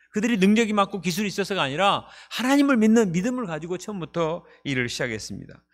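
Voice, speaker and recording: A male pastor preaching with emphasis and plenty of rhetorical questions. His voice sits high for a man and moves through a very lively pitch range. He leans into every point for the congregation. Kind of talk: sermon.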